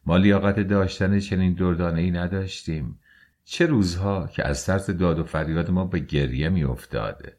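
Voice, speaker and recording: Give me a deep-voiced male audiobook narrator with a slow, grave, mournful reading. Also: a little mellow. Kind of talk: scripted first-person audiobook narration.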